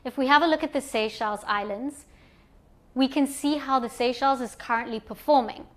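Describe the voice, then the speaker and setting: Woman from zimbabwe, kinda high voice, calmly walking you through a website step by step. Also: fairly quick. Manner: calm step-by-step explaining. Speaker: platform presenter. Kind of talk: guided screen walkthrough.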